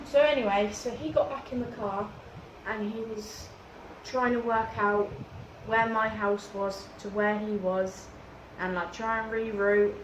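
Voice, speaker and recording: A woman's voice: mid-range voice, fairly even intonation, unhurried, few pauses. A woman casually telling a story together with someone, as co-storyteller. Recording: roomy echo, clear background noise.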